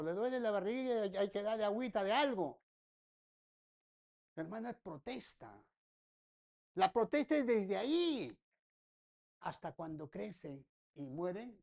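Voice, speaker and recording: A woman's voice: mid-range voice, vocal fry. A woman pastor preaching a sermon, repeating her points and tossing rhetorical questions and folksy joking asides to the congregation.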